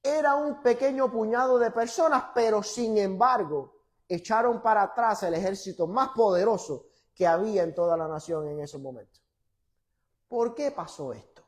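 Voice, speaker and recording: A male pastor delivers a fervent sermon to a church congregation. He reads scripture with loud, emphatic force, then drops to quiet, teasing asides with the crowd. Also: sits high, moderate pace.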